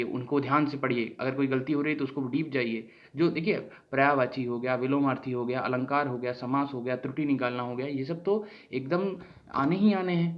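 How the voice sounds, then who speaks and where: A man's voice: mid-range voice, a bit bright, slight background noise. A man teaching an online exam-prep lesson, asking questions aloud and then answering them himself.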